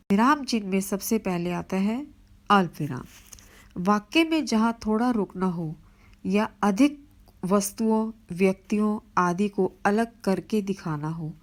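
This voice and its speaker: Slow, careful woman teacher. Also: mid-range voice. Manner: slow, careful explanation with spoken examples. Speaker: school teacher. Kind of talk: virtual classroom lesson.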